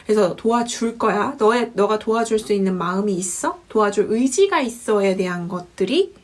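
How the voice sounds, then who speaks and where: A woman teaching an English lesson, repeating example sentences slowly and clearly. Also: medium pitch, lively intonation. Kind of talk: language lesson.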